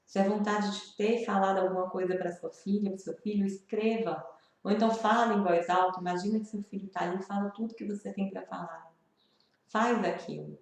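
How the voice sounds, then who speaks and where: A woman's voice: mid-range voice, darkish tone, heavy reverb. A woman with a Brazilian accent, talking earnestly and confidingly to the viewer in a personal vlog. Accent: Brazilian Portuguese. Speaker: video host sharing grief advice. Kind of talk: personal vlog talk to camera.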